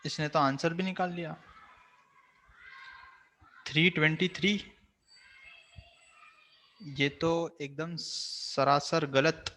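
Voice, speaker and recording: A man's voice: a little high, fairly even intonation, takes it slowly, long pauses, pushed and bright. A man with an Indian accent teaching a maths class online, mixing Hindi and English, firm but reassuring with his students.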